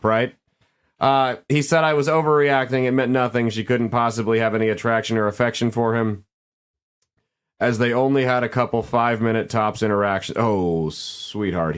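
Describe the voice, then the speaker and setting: A man hosting a podcast, reading advice letters aloud and joking sarcastically about them in casual commentary. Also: mid-range voice.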